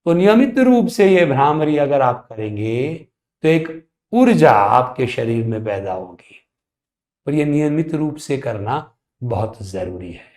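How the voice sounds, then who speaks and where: A man giving a slow, calm spoken yoga lesson as the teacher. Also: fairly high pitch, roomy sound. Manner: calm, deliberate instruction.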